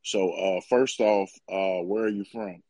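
A man hosting a podcast, asking loose, relaxed questions with many fillers in a casual interview. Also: sits low, unhurried, dry recording, low-quality recording. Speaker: podcast host.

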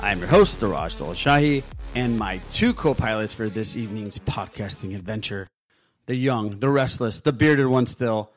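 A man's voice: lowish voice, lively intonation, normal speed, soft background music. A man hosting a podcast in casual, jokey chat, informally repeating phrases for emphasis. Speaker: podcast host.

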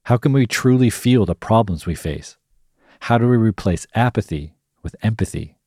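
A man hosting a podcast, narrating a scripted analysis in a measured, explanatory way. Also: lowish voice, animated, a little mellow, slightly rough, no echo, studio quality. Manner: measured, explanatory, reads quotes aloud. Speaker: podcast host.

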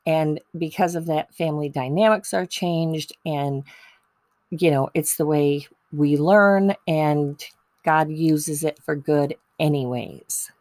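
Low slow-talking woman. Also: steady tone, darkish tone, dry recording. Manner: chatty, digressive, self-correcting. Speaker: speaker sharing Bible stories about mothers. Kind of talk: casual devotional talk.

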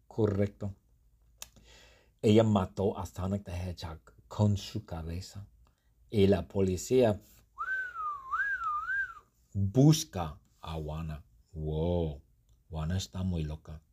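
Slow, playful male Spanish teacher. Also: lowish voice, dark tone, breathy edge. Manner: slow, repetitive, playful storytelling with exaggerated exclamations. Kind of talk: comprehensible-input storytelling lesson.

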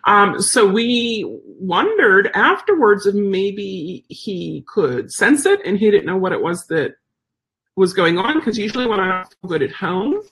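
A woman's voice: medium pitch, lively intonation, a little slow, a bit bright, husky. A woman chatting casually about her service dog, rambling with lots of ums and likes. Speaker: service dog handler sharing updates. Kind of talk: casual chat.

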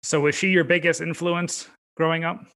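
This upstate New York man hosts a podcast, chatting informally with a guest and offering encouragement. He speaks in a fairly high, bright, forceful voice with level intonation at a normal speed.

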